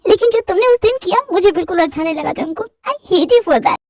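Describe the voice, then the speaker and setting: A stubborn, emotional young woman speaks in a very high voice, as a woman acts her out. The home-made fan drama sounds close and dry. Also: animated, fast, a little mellow, no echo. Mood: cold. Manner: emotional, pleading.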